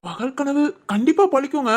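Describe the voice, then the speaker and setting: A woman voicing a gentle young husband who soothes and teases his wife in a village family drama. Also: high voice, normal speed, background noise, close to an everyday voice. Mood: soothing. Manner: soothing, teasing. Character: gentle reassuring young husband, loving and playful.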